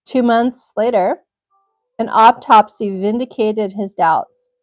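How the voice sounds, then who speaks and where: A woman's voice: a little high, slow. A young woman hosting a livestream, reading a crime article aloud and cutting in now and then with blunt, swearing reactions. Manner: reads steadily, breaks off with blunt swearing reactions. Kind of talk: reading aloud with personal asides.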